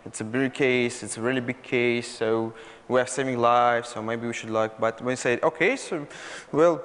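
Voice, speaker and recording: A man presenting at a conference, answering audience questions in a halting way full of fillers. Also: medium pitch, flat delivery, fairly bright tone. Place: large conference hall. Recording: hall reverb, conference room.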